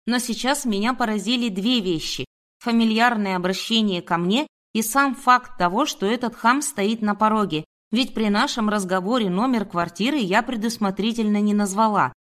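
Woman narrating in a steady voice. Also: mid-range voice, normal speed. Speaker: audiobook narrator. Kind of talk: first-person scripted narration.

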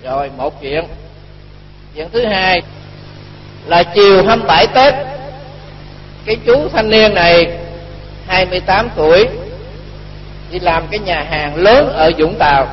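A Buddhist monk teacher with a high voice gives a folksy, colloquial dharma talk at a measured pace with long pauses, acting out the dialogue in his stories. The lo-fi recording sounds dull, with long hall reverb and a faint hum.

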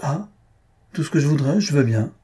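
A man's voice: fairly high pitch, expressive, normal speed, warm tone, husky. A man reading aloud, voicing a carefree young nephew who teases and cajoles his aunt. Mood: flippant. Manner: cajoling, flippant.

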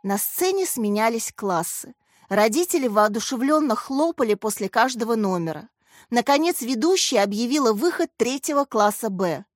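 A woman reads a children's story aloud in an expressive storybook manner. Her voice sits fairly high and lifts further for characters' lines. The recording is dry and close. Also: normal speed, no echo. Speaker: audiobook narrator.

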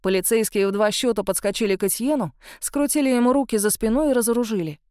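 A woman narrating a first-person novel in a steady, expressive audiobook reading. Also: fairly high pitch, quick pace, dry recording, clean studio sound.

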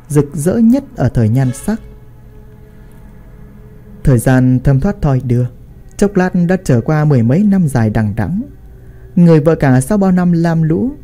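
A man narrating a family story in an expressive storytelling style. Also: a little high.

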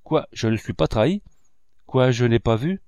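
A man's voice: mid-range voice, animated, normal speed, darkish tone, no echo, close to an everyday voice. A man reading the part of a jealous, despairing young lover in an audiobook, impassioned and accusing.

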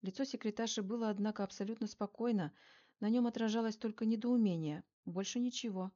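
A woman reading first-person narration for an audiobook, measured and even. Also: mid-range voice, lo-fi sound.

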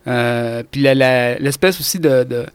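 A man with a Quebec French accent talking casually about comic books, animated, laughing often and full of fillers. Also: medium pitch, measured pace, clear, resonant tone, no room sound. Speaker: comic book columnist. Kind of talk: casual radio chat.

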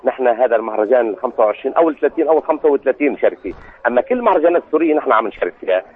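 A man's voice: mid-range voice, lively intonation, rapid-fire, breathy edge. A man from southern Syria with a Syrian Arabic accent answering in a live radio interview over a muffled line. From Sweida, Syria. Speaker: food producer being interviewed.

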